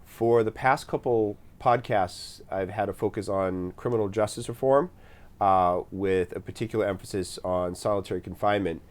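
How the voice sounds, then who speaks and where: Low-pitched guy hosting a podcast interview, halting, keeps repeating words. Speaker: podcast host, state senator.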